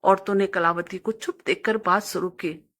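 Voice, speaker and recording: A woman's voice: medium pitch, fairly even intonation, normal speed, fairly bright tone. A woman storyteller steadily reading out a family story.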